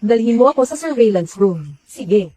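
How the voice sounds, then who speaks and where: A woman's voice: a little high, expressive, normal speed, mellow, no echo, rough recording. A woman voicing every character of a dubbed drama in one plain voice.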